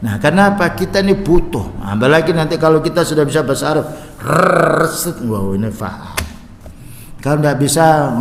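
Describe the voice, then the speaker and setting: A male religious teacher lectures in a mosque, with a long reverb ringing through the large hall. His pitch sits in a middle range, and he slows right down to draw out the Arabic verses before explaining them at normal speed. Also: gravelly, slight background noise. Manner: explains in Indonesian, recites Arabic verses slowly and drawn out.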